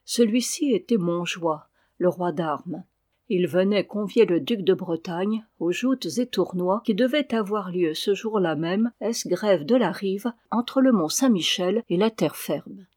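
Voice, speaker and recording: A reader narrating a classic historical novel in a steady, measured audiobook style. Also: medium pitch.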